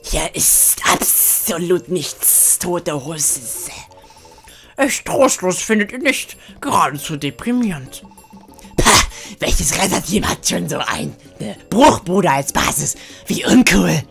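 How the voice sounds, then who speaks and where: A woman's voice: lowish voice, expressive, slow pace, gravelly, faint music behind, full character voice. A woman voicing a scheming monster gang leader from a video game, in a mock-evil, sneering, boastful manner. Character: scheming villain monster, gang leader plotting world domination.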